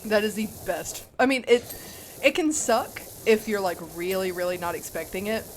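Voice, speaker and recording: A young woman streaming a game, chatting casually with viewers in a chatty, giggly, animated way. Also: medium pitch, moderate pace, a little hiss or hum, rough recording. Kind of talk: casual chat while gaming.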